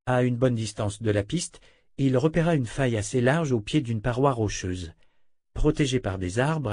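A man narrating a fantasy audiobook in a measured, even reading. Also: medium pitch, no room sound, clean studio sound.

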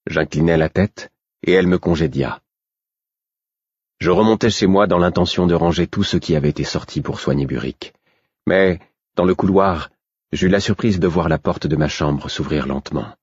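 Narrateur masculin de livre audio, voix très grave et feutrée, lecture sobre, prise sèche. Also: male voice, low voice, normal speed, slightly rough, dry recording, highs cut off. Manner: steady, restrained first-person reading. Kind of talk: scripted narration of a fantasy novel.

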